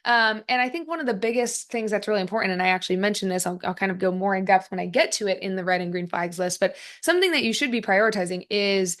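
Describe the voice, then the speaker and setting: A woman's voice: medium pitch, fast, few pauses, a bit bright. A young woman hosting her own podcast, talking casually and animatedly with lots of fillers, from her home office. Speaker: podcast host. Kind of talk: casual solo podcast talk. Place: home office with a fan running.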